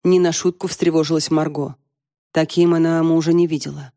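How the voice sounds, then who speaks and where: Woman narrating an audiobook, mellow. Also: low-pitched, little pitch movement, dry recording, studio quality. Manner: measured storytelling. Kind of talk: scripted narration.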